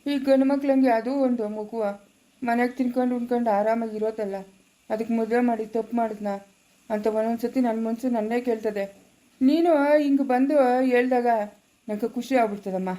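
A woman playing a loving, worried elderly father who soothes his daughter gently and repeats himself in a family skit. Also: a little high, steady tone, a little fast, natural voice. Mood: tender. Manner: gentle, soothing, repetitive pleading.

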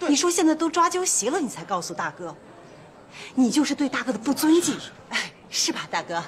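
An actress playing a shrewd, chatty woman who smooths over a family quarrel in a period television drama. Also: high-pitched, sing-song, fairly quick. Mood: persuasive. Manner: coaxing, persuasive, chatty. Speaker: third sister-in-law. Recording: noisy background.

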